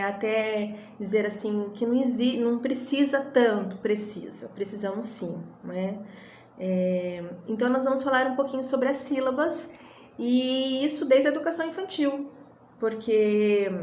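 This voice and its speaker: A woman's voice: on the high side, reverberant, a little hiss or hum. A Brazilian woman lecturing teachers, reflective and full of rhetorical questions. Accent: Brazilian Portuguese.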